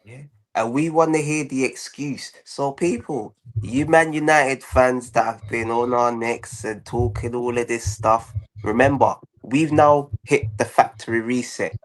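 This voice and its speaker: A man with a mid-pitched voice delivers a declamatory football fan monologue. He is boastful and rhetorical, building his points through repeated phrases. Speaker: football fan channel presenter.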